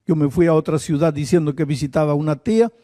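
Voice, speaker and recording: A man's voice: fairly high pitch, fairly even intonation, quick pace, dark tone. A male preacher delivering a sermon, telling a story with dramatic storytelling emphasis. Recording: echoing large hall with long reverb.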